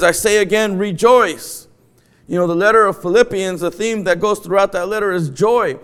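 A middle-aged man preaches in an empty sanctuary, his voice a touch high and smooth with clean resonance. He speaks earnestly, circling back to repeat his main points for emphasis. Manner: earnest, repeats key phrases, chuckles between points. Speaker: pastor. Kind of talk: sermon.

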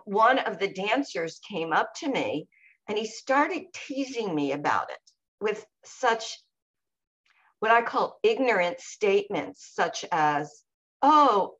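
A woman co-hosting a podcast, sharing her personal experience in a reflective, measured way and pausing to search for words. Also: mid-range voice, fairly bright tone, muffled recording. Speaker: podcast co-host.

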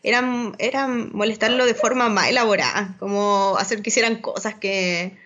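A woman's voice: mid-range voice, steady tone, moderate pace, fairly bright tone, highs cut off. A young woman with a Chilean accent, chatting casually and telling stories with giggles. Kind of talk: casual chat.

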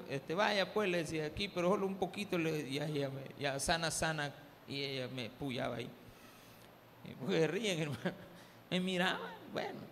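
High, gravelly Salvadoran pastor in a hall. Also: male voice, a bit bright. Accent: Salvadoran Spanish. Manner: humorous storytelling, addresses the congregation as "hermano". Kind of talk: sermon with personal anecdotes. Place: church service. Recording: church hall with long reverb, faint background noise.

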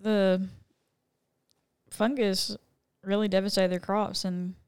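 A woman's voice: medium pitch, level tone, slow pace, a little mellow, clean tone, no echo, clean studio sound. A woman co-hosting a podcast in casual chat, laid-back with frequent "like". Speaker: podcast co-host.

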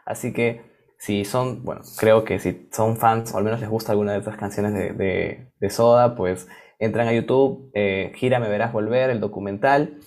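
With a lowish, darkish voice, fairly even intonation, and normal speed, a man from Peru co-hosts a relaxed talk show. He comes across as enthusiastic and talkative, full of fillers and false starts.

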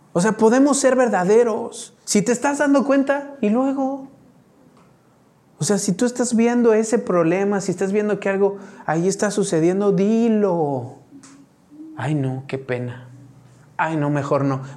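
Mexican pastor guy giving a relaxed chatty sermon, keeps asking the crowd "right?". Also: sits high. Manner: chatty, keeps checking in with the congregation. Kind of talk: conversational sermon.

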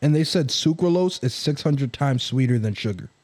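A man's voice: mid-range voice, animated, normal speed, darkish tone. A young man in casual banter with a friend, rambling and teasing as he talks.

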